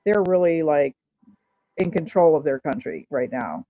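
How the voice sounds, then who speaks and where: A woman in her fifties from Japan talks as a guest, halting and full of fillers. Her audio is dry and dull, like a lo-fi remote line. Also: low-pitched, animated, mellow, dry recording. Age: 50s. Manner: halting, many fillers and restarts. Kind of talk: casual talk show interview.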